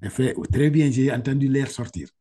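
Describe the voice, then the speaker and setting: A man teaching Quran letter reading over a video call, patient and repeating sounds slowly for his student. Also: medium pitch, mellow, slightly rough. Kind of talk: online one-on-one lesson.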